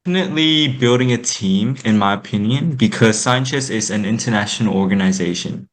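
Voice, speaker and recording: A young man from Vietnam answers interview questions in a lowish voice. He speaks thoughtfully, pausing with small fillers as he works through his ideas. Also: rough recording. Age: young adult. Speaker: interview guest, student. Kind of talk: casual interview talk.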